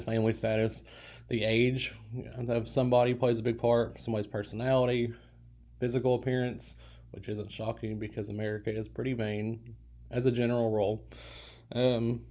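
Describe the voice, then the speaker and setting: A man's voice: mid-range voice, little pitch movement, normal speed, dark tone. A man giving a recorded lecture in a loose, casual way, full of fillers and restarts, now and then stifling a yawn. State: yawning. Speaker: college lecturer.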